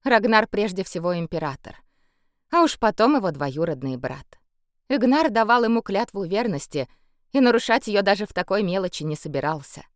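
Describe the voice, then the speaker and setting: Woman narrating an audiobook, expressive, lively intonation, dry close recording. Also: medium pitch, moderate pace, no echo. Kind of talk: scripted narration.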